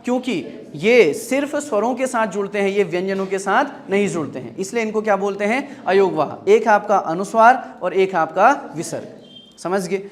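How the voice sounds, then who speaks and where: A man's voice: sits high, moderate pace. A man teaching a grammar lesson. He asks the class short repeated questions and answers them himself.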